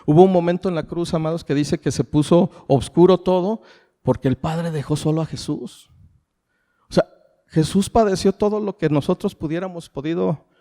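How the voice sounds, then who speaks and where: Mexican pastor preaching in a reverberant hall. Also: male voice, on the high side, mellow. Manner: preaching with rhetorical questions, calls the congregation "familia". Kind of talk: sermon.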